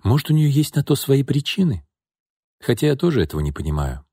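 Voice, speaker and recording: A man voicing a calm, gentle young woman who works as a nanny in an audiobook. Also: mid-range voice, brisk, husky, no echo, clean studio sound, pitched above the performer's own voice. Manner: calm, mild, reasonable.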